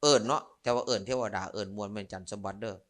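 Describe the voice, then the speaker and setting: A man's voice: on the low side, racing. A man who is a Buddhist monk, speaking with a Northeastern Thai Isan accent and giving a humorous Dharma sermon full of jokes, stories and playful asides to the listeners. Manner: joking, storytelling, playful asides to the audience.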